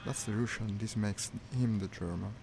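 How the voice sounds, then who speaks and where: With vocal fry and a darkish tone, a streamer's lowish voice moves at a moderate pace through wry running commentary on a flight sim he's playing live. He talks half to himself, and the audio is noisy.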